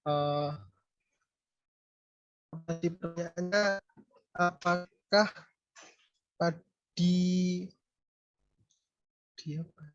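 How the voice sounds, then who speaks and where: A man on a video call hesitantly answering a class question, his voice breaking up and dropping out with many pauses and restarts. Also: sits high, fairly even intonation. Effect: choppy, cutting-out video call audio. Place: home with frequent power outages. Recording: dull lo-fi call audio breaking up, faint guitar behind.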